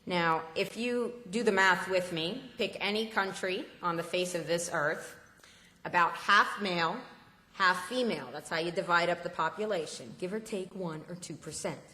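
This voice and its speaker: A woman addresses an assembly in a fervent, halting public speech, with plenty of ums and uhs. Her voice sits deep for a woman. The sound is roomy, with a long hall reverb trailing her words. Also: pushed and bright. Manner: impassioned, halting with many fillers. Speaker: speaker at a political assembly.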